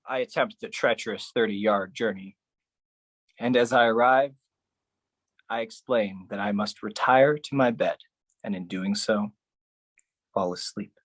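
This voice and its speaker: In a theatrical solo spoken-word piece, the performer alternates between low, brooding reflection and raised, intense outbursts. The pace is measured with frequent pauses, and no room sound comes through.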